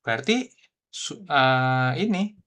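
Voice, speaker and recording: Relaxed male online language teacher. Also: medium pitch, takes it slowly. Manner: explains patiently, with frequent gitu ya fillers. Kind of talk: casual online lesson.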